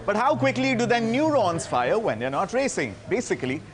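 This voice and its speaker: Playful high-voiced Indian male show host. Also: big pitch swings, normal speed, noisy background. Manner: playful, jokey. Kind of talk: lively presenting and quiz hosting.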